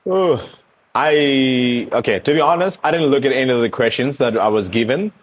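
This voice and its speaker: A thirty-year-old man from Eswatini sits for a candid, casual interview. He talks openly and animatedly about himself, often slipping into quick impressions of other people's reactions in his mid-pitched voice. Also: lively intonation. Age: 30s. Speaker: interview guest.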